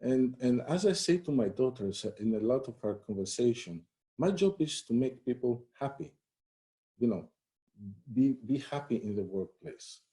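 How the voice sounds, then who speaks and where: A man from Greece talks about his career as an interview guest, relaxed and conversational, with plenty of "you know" and small restarts. His voice is dark and mellow. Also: mid-range voice, moderate pace. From Greece and the United States. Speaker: head of human resources, interview guest. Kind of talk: live-streamed interview.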